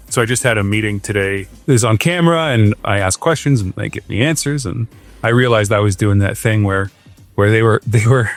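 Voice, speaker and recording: A man guesting on a casual chat, telling animated, self-deprecating stories. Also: lowish voice.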